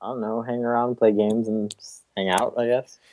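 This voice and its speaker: A man's voice: mid-range voice, little pitch movement, moderate pace, a little mellow. A man guesting on a casual podcast, talking hesitantly with stammers and fillers. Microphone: computer mic over voice chat.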